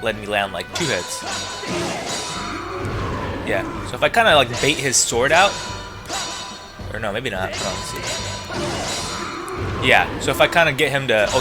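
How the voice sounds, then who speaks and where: Here a man with a medium-pitched, lively voice narrates his gameplay casually at a moderate pace, pausing often. He reads dialogue aloud, thinks through his moves and reacts to the game, all over background video game music.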